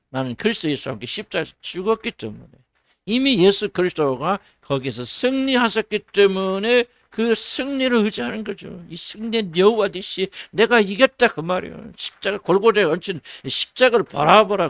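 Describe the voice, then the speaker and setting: A man's voice: sits high, fairly bright tone, no room sound. A middle-aged man preaching a sermon as senior pastor, asking rhetorical questions and acting out quoted voices.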